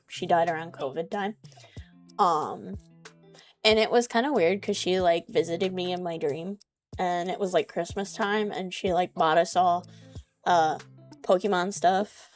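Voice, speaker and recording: A woman's voice: fairly low pitch, measured pace, faint music behind. A young woman livestreaming in a casual, rambling, self-deprecating way, with lots of "um" and "like". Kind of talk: casual livestream chat, reading chat messages.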